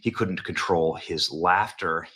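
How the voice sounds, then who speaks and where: A male host giving casual, excitable political commentary on video clips, chuckling and stressing words. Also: sits low, slow.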